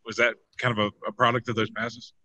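A man's voice: mid-range voice, little pitch movement, fairly quick, bright, forceful tone, rough recording. A man, a reporter, asking the coach questions at a press conference with hesitant fillers.

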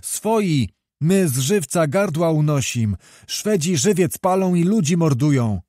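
A man's voice: a little high, expressive, unhurried, dark tone, no echo, studio quality, pitched above the performer's own voice. Frightened fleeing peasants, pleading and breathless, played by a male reader.

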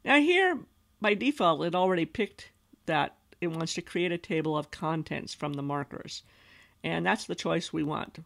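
A woman with a gravelly, fry-edged voice talks through a software tutorial as a screen-capture voice-over. She explains each step patiently and plainly, as an instructional designer would. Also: fairly low pitch, animated, normal speed. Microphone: voice-over recorded over screen capture.

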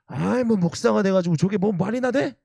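A man voicing an angry older male church elder who yells brusquely. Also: sits high, fairly quick, vocal fry, husky, no echo, clean studio sound, pitched above the performer's own voice, full character voice. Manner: yelling, brusque.

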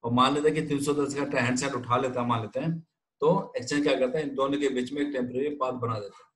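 A man lecturing a class in a question-and-answer rhythm, posing a question and supplying the answer himself. His voice sits at an ordinary middle pitch for a man. He repeats key terms and keeps checking that the students follow. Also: steady tone, fast, fairly bright tone, rough recording. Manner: checks in with frequent "theek hai?". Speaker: telecom instructor.

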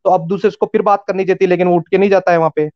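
A man's voice: sits high, level tone, no room sound, lo-fi sound. A man arguing pushily and interrupting in a heated panel debate. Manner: rapid, pushy, interrupting.

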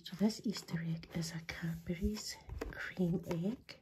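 A woman whispering softly as she unboxes and taps on packaging for an ASMR video. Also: fairly low pitch, fairly even intonation, unhurried, background noise. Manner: soft whispering, tapping on packaging.

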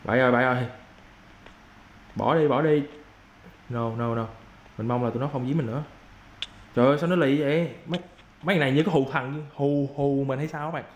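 A young man giving casual gameplay commentary as a YouTuber, excitable and quick to yelp and repeat his exclamations. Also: mid-range voice. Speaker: gaming YouTuber. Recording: roomy with faint background noise.

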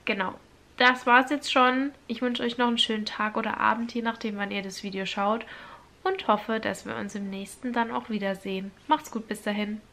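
Bright-voiced young woman vlogger. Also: fairly high pitch, fairly even intonation, moderate pace. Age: young adult. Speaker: video blogger. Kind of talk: casual chat to camera, giveaway draw. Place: small indoor room at home with bookshelves.

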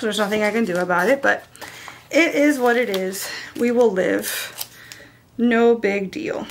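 A woman with a slightly high voice chats her way through a planner vlog, easygoing and thinking aloud. A faint hiss sits under the home recording. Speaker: planner vlogger. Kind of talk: casual plan-with-me narration.

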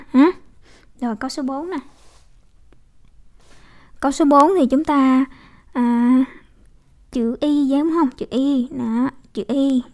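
Her voice high-pitched and mellow, a woman teaching English goes over pronunciation in a relaxed way, saying model words again and again and checking that students follow. Vietnamese is her first language.

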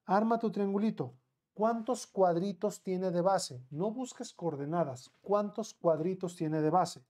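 A middle-aged man with a Mexican accent teaching a live online math class, chatty, firing quick questions at students and counting out steps slowly. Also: high voice, warm tone.

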